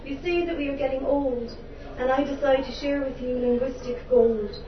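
Her voice is high-pitched, fairly even in intonation and at normal speed as this woman from Ireland performs spoken word poetry for a live audience. She delivers it with impassioned theatricality and wry, humorous asides. The recording is roomy, distant and dull, with background noise.

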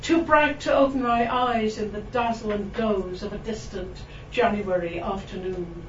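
In a roomy hall with a live audience, a mid-range-voiced Welsh poet gives a reading, slowing down to linger over each poem. Between them she chats, pokes fun at herself, and fills the gaps with ums and laughter. The recording sounds distant, echoey and flat, with background noise.

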